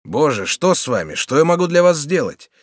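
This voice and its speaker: A man's voice: fairly high pitch, very animated, fairly quick, dry recording, studio quality, pitched above the performer's own voice. A man doing an agitated kindly prince regent. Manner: exclaiming, warm and agitated.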